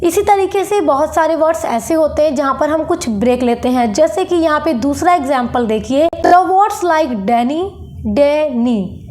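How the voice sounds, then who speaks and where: A young woman teacher giving a lecture on English poetry, repeating each example word slowly, syllable by syllable. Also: high voice, a little mellow.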